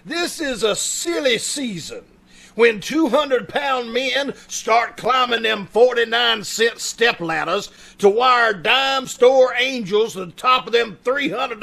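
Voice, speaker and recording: Woman as pompous radio-comedy doctor: high, gravelly, florid and wry, fond of friendly insults. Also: sharp tone, full character voice. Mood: sardonic. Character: pompous, sardonic small-town doctor trading friendly insults. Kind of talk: old-time radio comedy acting.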